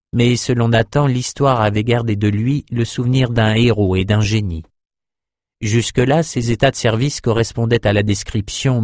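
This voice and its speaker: A man narrating a fantasy novel in a steady, measured audiobook reading. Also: fairly low pitch, no room sound, clean studio sound.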